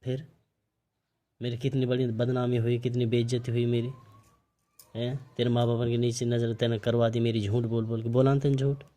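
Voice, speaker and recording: A man with a Mewati accent argues reproachfully on a private phone call, peppering the listener with pointed questions, in an amateur recording. His voice is mid-range and dark, level in tone, at a moderate pace.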